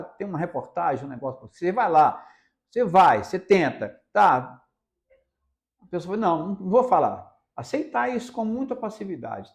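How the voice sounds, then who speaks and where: Animated gravelly Brazilian radio reporter. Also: male voice, sits high. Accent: Brazilian Portuguese, Minas Gerais. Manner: animated, emphatic, repeats phrases for stress. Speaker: radio reporter, interview guest. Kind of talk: casual interview storytelling.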